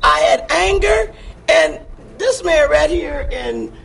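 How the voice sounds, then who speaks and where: This slow, low-quality recording features a church member offering spontaneous testimony through a handheld or stage mic. Her voice is high and gravelly, and a missing front tooth makes her speech gap-toothed. Her storytelling is animated, folksy, and emphatic.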